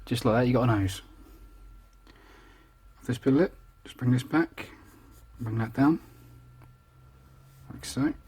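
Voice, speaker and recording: A man with a husky, darkish, medium-pitched voice speaks at a measured pace with long pauses while explaining each step of a casual live drawing tutorial. Chatty and self-deprecating, he isn't shown, only heard over the drawing.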